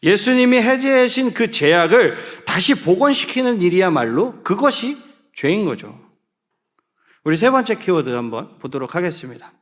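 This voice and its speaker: A male youth pastor preaching in a church, his voice sitting high and swinging widely in pitch. He keeps turning to the listeners with questions and calls for group readings. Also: sing-song, moderate pace. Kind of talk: sermon.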